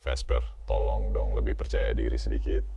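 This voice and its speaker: Man putting on an extremely deep gravelly voice. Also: little pitch movement, brisk, dark tone, distant mic, dull audio, slight background noise, exaggerated voice. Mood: coaxing.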